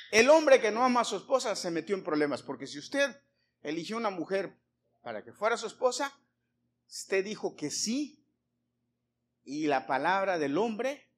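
A middle-aged man preaching a sermon to a congregation, emphatic, repeating his points and putting questions to the listeners. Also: high-pitched. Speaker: pastor. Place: church before a congregation.

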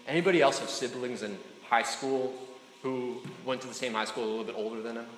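Speaking briskly in a medium-pitched, fairly bright voice, a man delivers a relaxed sermon to students, checking in with "right?" and "okay?" and cracking jokes to the room. The echoey hall adds faint ambience and slight background noise.

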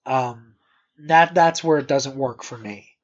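A man's voice: medium pitch, takes it slowly. A man hosting a casual podcast, rambling with restarts and plugging merch eagerly. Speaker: podcast host. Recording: dull lo-fi podcast audio.

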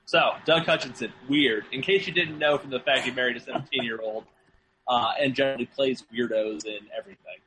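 Bright rambling podcast guy. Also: medium pitch, fairly even intonation, a little fast, a little hiss or hum, low-quality recording. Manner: rambling, joking, many fillers and restarts. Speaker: podcast co-host. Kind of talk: casual film podcast chat.

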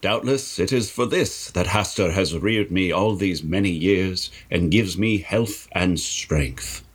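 A man's voice: deep voice, slow, breathy edge, voice pushed up, exaggerated voice. A man voicing an earnest, devoted young shepherd who pleads in old-fashioned speech. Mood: earnest, pleading.

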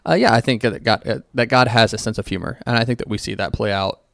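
A man's voice: lowish voice, fast talker, gravelly, dry recording, studio quality. A man co-hosting a podcast, explaining playfully and with animation in casual chat. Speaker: podcast co-host.

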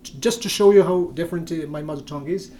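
Talking fast in a mellow, higher-pitched voice, this young Berber-speaking man from Morocco answers in English during a conversational interview. He hesitates, uses many fillers and restarts, and there's slight background noise.

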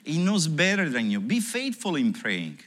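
Bright-voiced pastor preaching with passion. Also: male voice, fairly high pitch, huge pitch swings, moderate pace. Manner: earnest, emotional personal testimony with rising and falling intensity. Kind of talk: sermon.

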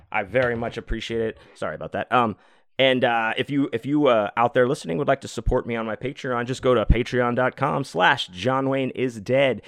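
His voice is smooth and medium-pitched, captured at studio quality without room sound. He's a man doing a casual solo podcast from a home room, wandering through his thoughts with lots of fillers and curse words.

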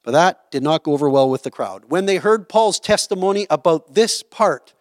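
A man with a fairly high, lively voice leads a Bible study at a normal pace, unpacking a passage conversationally and frequently asking "right?" to check in. The recording is dry and studio-clean.

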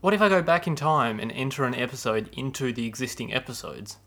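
A man's voice: mid-range voice, animated, fast, creaky, fairly bright tone. A man hosting a casual podcast, rambling and self-deprecating, explaining history at length. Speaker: podcast host. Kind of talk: casual chat.

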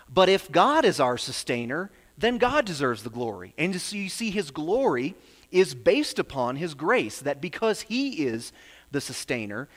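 Earnest male preacher in a reverberant hall. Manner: earnest, builds emphasis then drops to a soft low close. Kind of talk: sermon.

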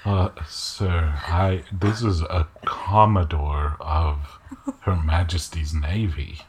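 A man's voice: sits low, steady tone, slow pace, background noise, pitched below the performer's own voice. A man voicing a stiff, proper male aide who disapproves of bad manners.

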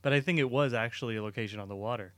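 A man's voice: medium pitch, racing, fairly bright tone, dry recording. Rambling young man talking movies. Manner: rambling, hesitant, many fillers and restarts. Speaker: podcast co-host. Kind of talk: casual movie review chat.

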